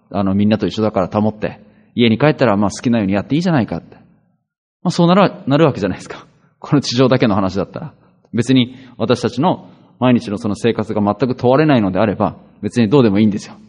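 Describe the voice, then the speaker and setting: Man, pastor, mid-pitched voice, chatty sermon, hesitant fillers, echoing hall. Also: a little mellow. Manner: conversational preaching with fillers and rhetorical questions.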